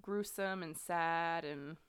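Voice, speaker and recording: Smooth-voiced woman telling a true-crime story. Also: fairly low pitch, takes it slowly. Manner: conversational, many fillers, earnest. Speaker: podcast host.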